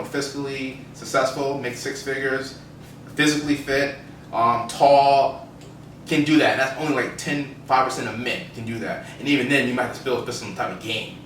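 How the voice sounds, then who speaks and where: Bright-voiced man chatting in an echoey room. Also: medium pitch, normal speed. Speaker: podcast co-host. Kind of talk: casual opinionated chat. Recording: roomy, distant mic, faint noise.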